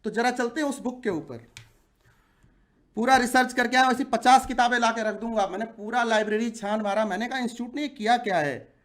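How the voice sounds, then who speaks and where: A man's voice: extremely high pitch, a little fast, fairly bright tone. A man of forty, an exam-prep teacher, giving an impassioned video address to viewers, indignant and full of rhetorical questions. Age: 40s.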